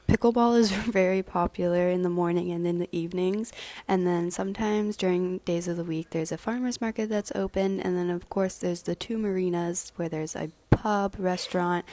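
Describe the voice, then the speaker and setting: A young woman narrating her vlog in a casual, chatty voiceover, still a little stuffy and hoarse after being sick, laughing lightly between words. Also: lowish voice, a little mellow, dry recording. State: stuffy, recovering voice. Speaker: vlogger. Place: at home doing makeup.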